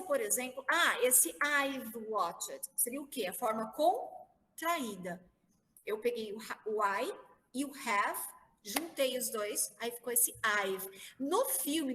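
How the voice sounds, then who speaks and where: A Brazilian woman teaches an English grammar lesson over a video call, patient and careful, spelling words out letter by letter. Her voice sits a little high and carries a long reverb. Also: a bit bright. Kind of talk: online class explaining grammar.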